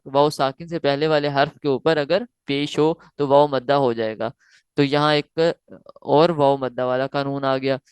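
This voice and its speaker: A man's voice: on the high side, clear, resonant tone, dry recording. A man from Pakistan teaching an online Quran recitation lesson. He is patient, spelling out letters and drawing out the recited words. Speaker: Quran tutor.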